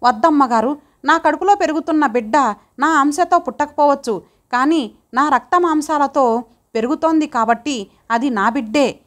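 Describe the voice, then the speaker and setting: A woman's voice: sits high, normal speed, fairly bright tone. A woman voicing a poor, pregnant young woman who speaks in a firm, pleading way.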